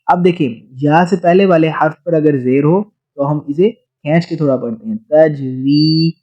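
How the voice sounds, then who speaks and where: Man teaching Quran recitation, lo-fi. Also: a little high. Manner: explains quickly, then recites verses slowly and drawn out. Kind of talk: recitation lesson. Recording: dull lo-fi recording.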